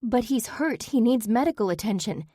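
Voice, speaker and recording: A frightened young heroine in an audiobook, her lines rising into urgent, pleading cries. A woman acts her out in a voice pitched above her usual low reading. The sound is close and dry, with no room around it. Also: animated, normal speed, dark tone, husky, no room sound.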